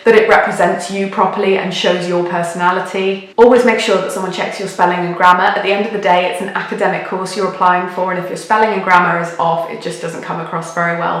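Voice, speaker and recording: A British woman recording an earnest, encouraging advice video in a bare room of a new house, her voice echoing loudly off the empty walls. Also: on the low side. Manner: earnest, encouraging, emphatic repetition. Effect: big echoey room sound. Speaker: midwife and video creator. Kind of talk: direct-to-camera advice vlog.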